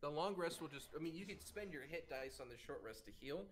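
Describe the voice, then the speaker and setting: A man running a casual tabletop game as game master, speaking haltingly as he searches for words. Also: on the high side, expressive, slight background noise.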